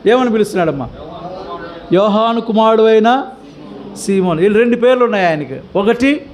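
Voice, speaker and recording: A male pastor with a Telugu accent teaching the Bible, questioning his congregation over and over and pushing them to answer, with English words dropped in. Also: very high voice. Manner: mixes English words into the talk.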